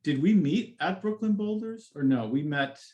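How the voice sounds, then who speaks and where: A man's voice: fairly high pitch, lively intonation, moderate pace, mellow, highs cut off. A man hosting a podcast, talking in a loose, rambling way with many asides during a casual conversation. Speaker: podcast host.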